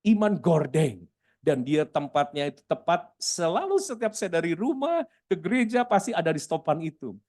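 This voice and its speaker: A man's voice: fairly high pitch, normal speed. A middle-aged man, a pastor telling stories in a sermon and often addressing the congregation. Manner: lively storyteller, keeps addressing the congregation. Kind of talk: sermon storytelling.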